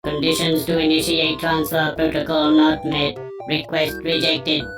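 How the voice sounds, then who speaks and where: A man's voice: on the high side, monotone, unhurried. An actor playing a hulking iron wild man who speaks like a glitching robot, in clipped mechanical phrases broken by beeps and error calls. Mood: cold, mechanical. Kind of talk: video game voice acting. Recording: echoey distant game audio with music behind.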